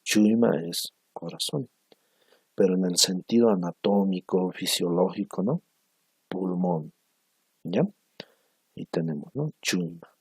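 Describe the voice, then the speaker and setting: Slow, gravelly man teaching pronunciation. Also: low-pitched, no room sound. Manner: slow, measured, tags phrases with "¿no?"; repeats sounds and words for pronunciation. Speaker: language teacher. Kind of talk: recorded lecture on phonetics.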